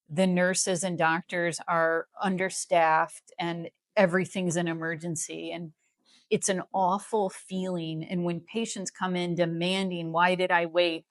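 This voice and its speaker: This is a Missouri woman, CEO of a healthcare company, explaining her views as a live interview guest in a forceful, convincing way. Her voice sits on the low side, and the recording has no room sound.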